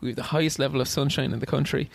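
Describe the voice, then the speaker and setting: An Irish man in his thirties speaks very fast as a podcast guest in a casual interview, his mid-range voice steady in tone and creaky. He rambles, restarts his sentences, and swears casually, and the recording is dry.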